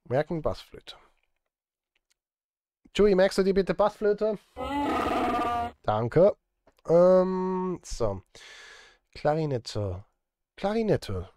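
A man from Switzerland, a streamer and film composer, talks casually on a live stream as he composes indoors, joking at his own expense. His voice sits high and mellow, with a sing-song lilt, drawn-out words and frequent pauses.

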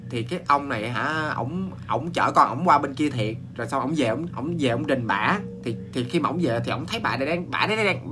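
A man with a Southern Vietnamese accent tells a ghost story casually to his audience, exclaiming often and stumbling over restarts. His pitch sits mid-range, and soft music plays quietly behind him. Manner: chatty, exclaiming, animated with many restarts.

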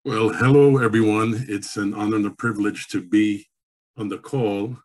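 Low-voiced man speaking on a video call. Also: steady tone, a little mellow. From born in Jamaica, raised in New York. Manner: measured, reflective storytelling. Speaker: panelist, professor and pastor. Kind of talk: online panel discussion. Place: home room. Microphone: webcam on a video call.

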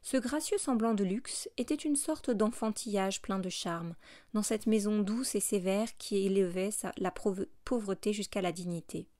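A woman reading a classic novel aloud as an audiobook narrator, in a steady, measured way. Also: mid-range voice, no echo, studio quality.

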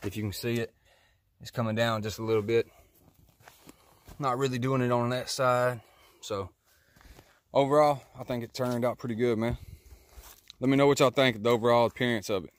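A man's voice: mid-range voice, steady tone, moderate pace, pauses often. A man talking casually to his viewers beside his car after an install, still a little out of breath, chatty and laid-back. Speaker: car vlogger. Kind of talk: casual how-to vlog outro.

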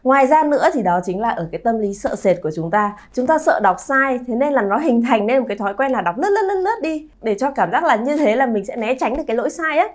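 Lively woman teaching pronunciation. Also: a little high, fast talker, hardly any pauses. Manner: lively, stretches sounds to model pronunciation. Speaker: Chinese teacher, channel founder. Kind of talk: pronunciation lesson to camera.

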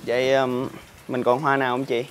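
A man's voice: medium pitch, completely flat delivery, normal speed, close to an everyday voice. A young man, playing a hard-up student who defends himself in a quarrel, with music underneath. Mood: awkward, polite. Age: young adult. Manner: pleading, then heated and shouting. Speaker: student and part-time worker. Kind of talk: web sitcom acting.

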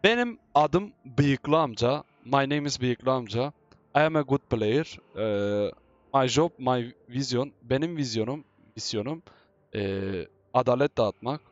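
A man giving live commentary as he plays a game, excitable and teasing, often shouting at teammates. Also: medium pitch, unhurried, no room sound, highs cut off. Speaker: gaming YouTuber.

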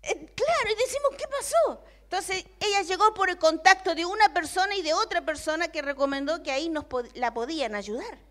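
A young woman with an Argentine accent preaching a sermon as a personal testimony, moving from hushed, quoted prayers to emphatic declarations. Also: very high-pitched, lively intonation, a little fast, hardly any pauses. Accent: Argentine Spanish.

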